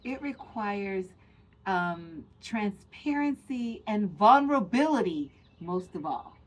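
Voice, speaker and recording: A woman's voice: medium pitch, expressive, slow, rough recording. A woman co-hosting a podcast, speaking in an earnest, emphatic way as she lays out points. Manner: earnest and emphatic, building lists. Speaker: podcast co-host. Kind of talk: casual chat.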